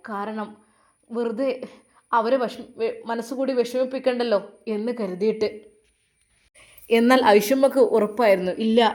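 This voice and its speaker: Brief: woman storyteller, Malappuram Malayalam accent, fairly high voice, dramatic emphatic narration. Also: darkish tone.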